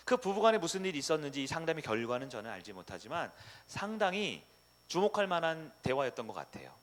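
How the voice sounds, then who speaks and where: A man's voice: on the high side, very animated, fast talker, a bit bright. A man preaching a sermon as pastor at a prayer meeting, asking the congregation questions and answering them himself.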